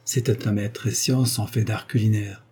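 Guy reading an audiobook, mellow and kinda husky, even measured pace. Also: fairly low pitch. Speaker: narrator. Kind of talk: audiobook narration.

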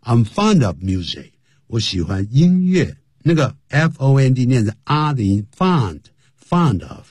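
A man's voice: medium pitch, sing-song, measured pace, darkish tone, slightly rough, no room sound, clean studio sound. A man teaching English phrases in a radio lesson, explaining each one and spelling words out letter by letter.

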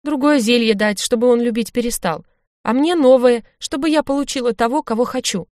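A woman's voice: a little high, a little fast, a little mellow, no echo, studio quality, voice pushed up, close to an everyday voice. A woman voicing a spoiled, scheming young noblewoman who pleads and insists, in a storybook reading. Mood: pleading.

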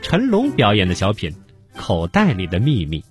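Male TV host, playful storyteller, animated delivery over background music. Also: lowish voice, normal speed. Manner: lively storytelling with punchlines. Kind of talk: studio TV comedy show hosting.

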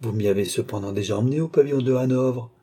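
A man's voice: mid-range voice, quick pace, warm tone, husky, lightly acted. A man voicing a young maid in an audiobook, pleading and protesting, coaxing at times. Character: young maid, flustered, coy, cunning. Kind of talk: audiobook reading.

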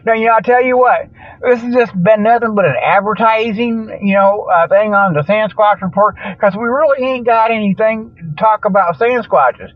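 A high-pitched man hosts a comedic radio show, rambling through a folksy, colloquial monologue full of jokes and frequent chuckles at a moderate pace. The recording is dry, with a thin, phone-like radio sound.

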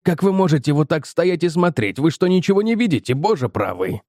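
A man reading a frantic, shaken middle-aged shopkeeper who pleads and shouts in alarm for help. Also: on the high side, big pitch swings, brisk, dry recording, studio quality.

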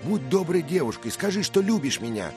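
A man's voice: low-pitched, lively intonation, normal speed, music in the background, voice pushed up. A man voicing a bold, impulsive young squire who speaks in fervent exclamations, in a read-aloud story.

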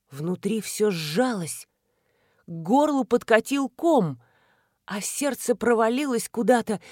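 A woman narrating a fantasy audiobook with an expressive, dramatic delivery, dropping softer for tense moments. Her voice sits fairly high and the recording is dry and close, with no room sound. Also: no echo. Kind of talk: scripted narration.

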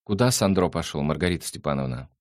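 A man's voice: extremely low pitch, lively intonation, fast talker, no echo, studio quality. A man voicing an impatient grown-up engineer who answers curtly. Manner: curt and impatient. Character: irritated grown-up engineer, curt.

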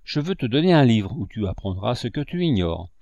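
A jovial, boastful middle-aged barber from a storybook, declaiming with swooping, animated pitch, as a male narrator puts him on. He sounds exuberant and sure of himself. The voice is close and dry. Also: brisk, no room sound. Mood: kindly. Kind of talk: audiobook character voice.

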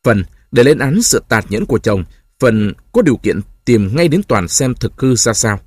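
A man's voice: moderate pace, slightly rough, no echo. A man narrating a novel aloud as an audiobook, telling the story expressively. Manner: expressive storytelling, varied pitch.

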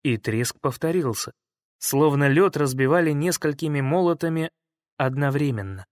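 Male audiobook reader, slightly higher voice, dry sound, measured dramatic delivery. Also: expressive, dry recording. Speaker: audiobook narrator. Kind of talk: first-person audiobook narration.

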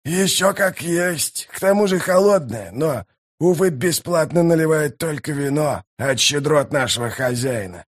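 A man's voice: fairly high pitch, expressive, measured pace, pitched above the performer's own voice. A man voicing a chatty middle-aged merchant with a light, gossipy way of talking.

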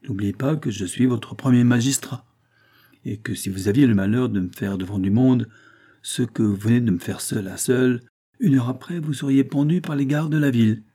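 A man's voice: mid-range voice, moderate pace, dark tone, lightly acted. A man voicing an ironic, mocking male city magistrate in an audiobook reading.

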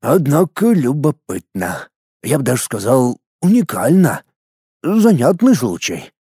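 A man voicing a calm, enigmatic male field medic who speaks slowly and detachedly, drawing out his words. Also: on the high side, slightly rough, no room sound, clean studio sound, voice pushed up, heavily acted. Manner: slow, detached, drawn out.

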